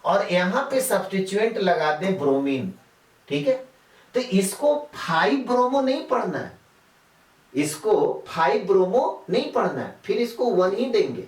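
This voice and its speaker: A man's voice: high voice, very animated, unhurried. A male teacher gives a classroom chemistry lecture, repeating points and quizzing students with rhetorical questions. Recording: echoey room, mic far off.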